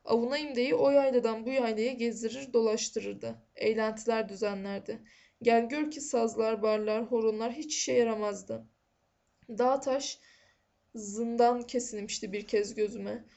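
A woman reading a novel aloud in a measured, steady storytelling manner, on a dull lo-fi recording. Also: fairly high pitch, vocal fry. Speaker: audiobook reader.

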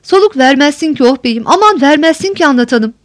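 A woman's voice: sits high, expressive, fairly quick, dry recording. A battered old steward spills his tale in a whining, pleading ramble. His voice jumps up and down and sits close and dry, with no room around it, as a woman narrator acts him out. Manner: whining, long-winded pleading. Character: frightened, beaten old male steward.

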